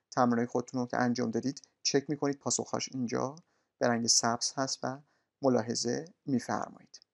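A male language teacher walking students through course materials in a polite, formal way, often pausing with "uh". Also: mid-range voice, gravelly. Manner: polite, formal, with frequent "uh" pauses. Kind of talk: recorded course walkthrough.

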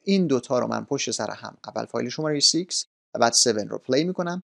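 A male teacher walks listeners through a grammar point in a calm, explanatory way. His voice has a steady creak to it. He repeats key instructions politely. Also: medium pitch. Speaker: English teacher. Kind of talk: grammar lesson explained in a relaxed spoken manner.

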